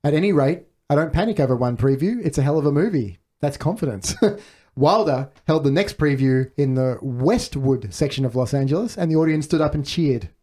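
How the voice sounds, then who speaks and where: A man's voice: fairly high pitch, lively intonation, brisk, dark tone. A man co-hosting a movie podcast, reading out film trivia in casual chat and laughing often. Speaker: podcast co-host.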